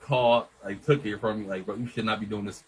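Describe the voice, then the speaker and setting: A man telling a rambling, animated story in casual chat, swearing a lot and acting out what everyone said. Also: on the low side, brisk, slight background noise, poor audio. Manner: rambling, animated retelling with lots of swearing and quoted dialogue.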